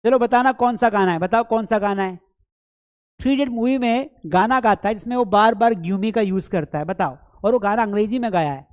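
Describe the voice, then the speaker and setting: A man's voice: high voice, a little fast, clean tone. Teasing Indian man teaching English. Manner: chatty, teasing, addresses students as beta. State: strained voice from long talking. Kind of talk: live online lesson, playful lecturing.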